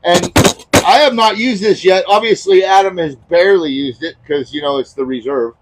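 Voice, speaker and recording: A man's voice: high-pitched, moderate pace, very noisy. A man co-hosting a casual barbecue cooking demonstration outdoors, laid-back and jokey. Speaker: barbecue show co-host.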